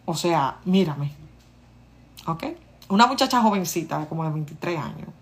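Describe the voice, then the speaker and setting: A woman's voice: deep voice, expressive, moderate pace. A woman, telling her own story in a casual monologue. She speaks to her listeners directly and acts out the dialogue. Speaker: vlogger.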